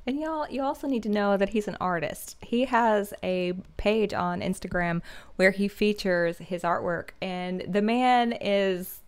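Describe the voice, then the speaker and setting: A woman's voice: medium pitch, measured pace, clean tone. Chatty woman reacting to music. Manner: enthusiastic, chatty, laughs often. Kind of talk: casual reaction commentary. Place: small decorated home room with string lights. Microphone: studio condenser mic on stand.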